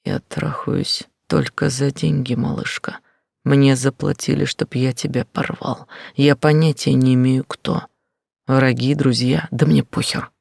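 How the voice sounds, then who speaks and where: A man voicing a cynical young male hustler, speaking in a low, husky, menacing half-whisper. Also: flat delivery, unhurried, darkish tone, dry recording, studio quality. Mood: cold mocking.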